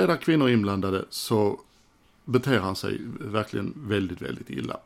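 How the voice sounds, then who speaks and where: A man's voice: on the low side, creaky. A man giving casual, frank commentary as a music collector, swearing casually as he talks through old footage.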